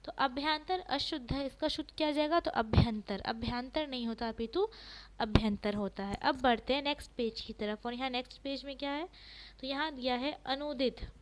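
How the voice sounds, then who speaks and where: Female tutor, high pitch, drilling style, repeats answers slowly for exam prep. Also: a little hiss or hum, low-quality recording. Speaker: teacher. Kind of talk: exam-prep spelling lesson.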